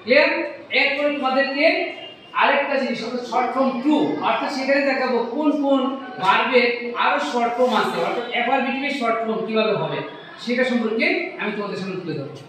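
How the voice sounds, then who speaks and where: A man teaching an English grammar lesson to his students. He asks questions and answers them himself, and drags out recited word pairs slowly. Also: very high-pitched, a bit bright, slight background noise. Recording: very echoey room, mic at a distance.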